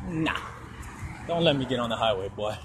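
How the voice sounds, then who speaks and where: A man in his twenties speaks expressively in a mid-range voice at normal speed while walking outdoors along a road. He's recording a casual, rambling personal monologue for his podcast, swearing freely as traffic passes.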